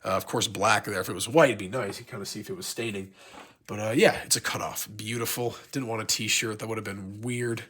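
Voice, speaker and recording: A man's voice: fairly low pitch, fairly even intonation, a little fast, fairly bright tone, breathy edge. A man with a stuffy, blocked nose from being sick, giving a casual unboxing review in a rambling, gushing fan manner. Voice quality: congested, stuffy-nosed. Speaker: YouTube toy collector and reviewer.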